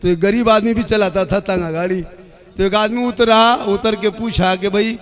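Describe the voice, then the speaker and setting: A preacher holds a gathering with a long story. His voice sits high for a man. He slides from plain talk into fervent, half-sung calls. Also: steady tone, moderate pace. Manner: storytelling, shifting between speaking and fervent sung, shouted invocations. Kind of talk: religious sermon with storytelling. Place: religious gathering.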